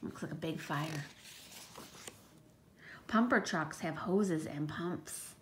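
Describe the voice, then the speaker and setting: With a low voice and a slow pace, a woman teacher shares a picture book with young children, pausing for questions and explanations and keeping her delivery emphatic and kid-focused. There's slight background noise.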